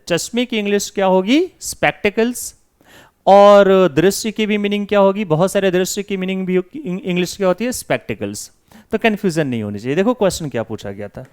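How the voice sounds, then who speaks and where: A man's voice: sits high, expressive, fairly quick, smooth. A man teaching English grammar in Hindi, asking and answering his own questions as if voicing his students. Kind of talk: classroom lesson.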